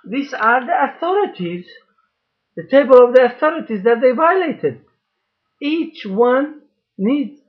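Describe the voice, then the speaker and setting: Man, very high pitch, slow deliberate emphatic delivery, personal appeal to camera; muffled lo-fi recording. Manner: emphatic and repetitive, halting phrases, holds up documents. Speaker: father making a video appeal.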